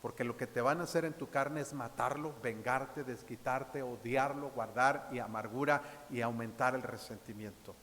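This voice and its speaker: Preaching pastor in a reverberant church. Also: male voice, mid-range voice, moderate pace, hardly any pauses, fairly bright tone, a little hiss or hum. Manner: emphatic preaching, addresses listeners as brothers; reads scripture aloud. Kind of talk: sermon.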